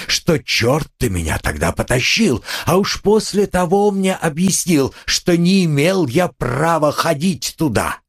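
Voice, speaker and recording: A man's voice: fairly high pitch, vocal fry, husky, pitched above the performer's own voice, full character voice. A man voicing a tormented, bitter young man who speaks in a brooding, irritable confession in an audiobook. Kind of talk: audiobook character reading.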